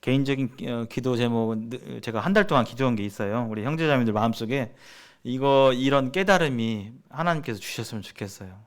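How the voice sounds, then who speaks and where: Speaking a little fast in a clean, mid-range voice, a male church seminar speaker explains his points to the congregation. His manner is sermon-like yet conversational, and he asks his listeners questions.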